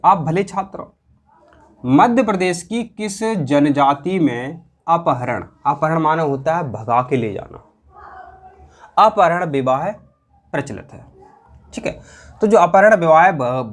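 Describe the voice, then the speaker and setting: Man teaching exam prep, fairly high voice, asks questions and drills the answers. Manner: repeats answers, asks questions aloud, colloquial. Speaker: quiz teacher.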